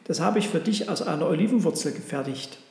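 A man voicing a calm, kind father and carpenter in a storybook reading, speaking reassuringly. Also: on the high side, quick pace. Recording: roomy with long reverb.

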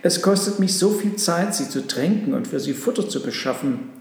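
A man's voice: a little high, animated, normal speed, very echoey, long reverb tail, voice pushed up. A man voicing an overworked woman in a storybook who laments and pleads. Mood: lamenting. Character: overworked woman, Mary's sister.

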